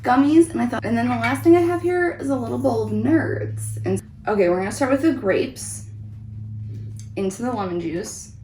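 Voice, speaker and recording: A woman's voice: a little high, animated, moderate pace, darkish tone. A woman giving a casual, chatty food review as host of a taste test vlog. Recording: roomy echo, background noise.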